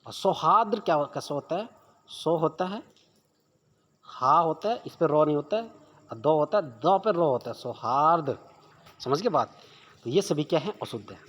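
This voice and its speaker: A man teaching exam prep questions, who keeps asking rhetorical questions and answering them himself. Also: a little high.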